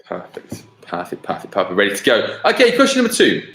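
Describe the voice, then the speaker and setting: In a roomy, echoing home livestream, a man hosts a football quiz, chatting casually with viewers and restating each question slowly and clearly. His fairly low voice swoops wildly in pitch and sounds a bit bright.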